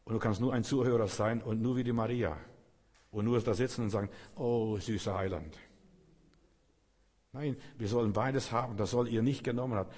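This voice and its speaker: A man's voice: medium pitch, steady tone, quick pace, darkish tone, husky. A man preaching a sermon, speaking earnestly and addressing the listener directly. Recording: long reverb.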